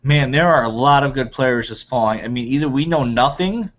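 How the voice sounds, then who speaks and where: A man's voice: medium pitch, fairly quick, a bit bright. A man co-hosting a football draft podcast, chatting casually and running through the latest picks. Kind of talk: casual sports talk. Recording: dull lo-fi recording.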